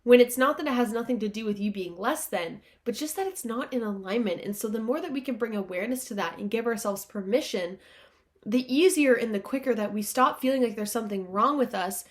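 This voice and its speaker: Nasal, congested woman with a higher voice. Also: a little fast. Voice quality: nasal, congested, as if pinching her nose. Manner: earnest, informal direct address to listeners. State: stuffy nose from allergies. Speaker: podcast host. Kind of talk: motivational self-help podcast talk.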